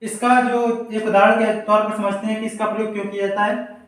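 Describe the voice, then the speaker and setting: A male Hindi teacher giving a board lesson for exam students, asking rhetorical questions and repeating example words slowly. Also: high voice, level tone, fairly bright tone. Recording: very echoey room, mic far off.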